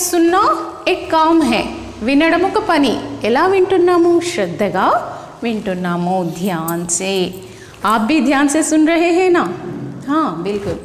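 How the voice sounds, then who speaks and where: A woman teaching a lesson, mixing two languages as she explains and asks and answers her own questions. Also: a little high. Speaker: Hindi teacher. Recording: echoey room with long reverb.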